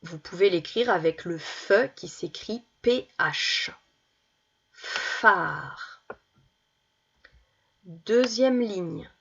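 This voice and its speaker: Woman, primary teacher, very slow, stresses every word, gravelly, dull lo-fi sound. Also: mid-range voice. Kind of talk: slow worksheet instruction for young children.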